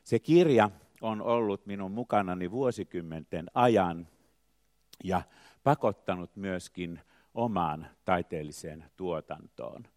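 An older man speaks in a very low voice, reflective and measured, reciting poetic lines and musing on art. His phrases swell and then fall away to a hush. The recording is dry and close, with no room sound. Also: dry recording. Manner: slow, measured, poetic delivery with swelling emphasis and trailing quiet endings. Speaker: artist, choreographer. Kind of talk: reflective spoken essay with recited poetry.

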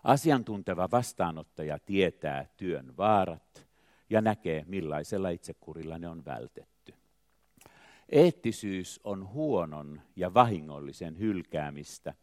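Deep-voiced older man reciting reflectively. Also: expressive, dry recording, studio quality. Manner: slow, measured, poetic delivery with swelling emphasis and trailing quiet endings. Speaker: artist, choreographer. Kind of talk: reflective spoken essay with recited poetry.

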